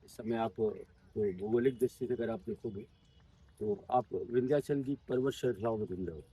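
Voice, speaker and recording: A man's voice: on the low side, moderate pace, dark tone, breathy edge. A man working as a tour guide, telling local history to a group outdoors at a monument in a patient storytelling way. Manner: patient storytelling, drops in English words and numbers.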